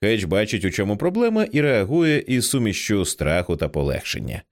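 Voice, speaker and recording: Man, audiobook narration, dramatic, expressive, lowish pitch, lively melody. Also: a little fast. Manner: expressive, acts out each character. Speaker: audiobook reader.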